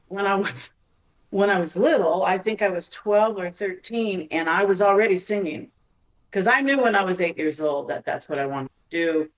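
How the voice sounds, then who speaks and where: A woman from Arizona, a singer guest on a podcast, telling long stories with halting restarts. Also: medium pitch, recorded from a distance, low-quality recording. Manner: halting, many restarts, laughs while telling. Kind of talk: podcast interview storytelling.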